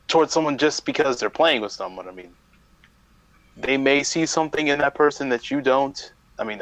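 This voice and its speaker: A man co-hosting a gaming podcast, giving his opinion in a measured, hesitant way. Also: medium pitch, a bit bright, dry recording. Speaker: podcast co-host. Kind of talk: casual chat. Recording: dull, dry lo-fi mic.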